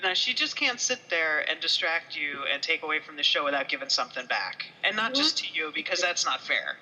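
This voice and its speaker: A woman's voice: low-pitched, very animated, fairly quick, pushed and bright, a little hiss or hum, poor audio. A woman co-hosting a podcast and reviewing books, rambling with lots of fillers and self-deprecating jokes. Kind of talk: casual podcast chat.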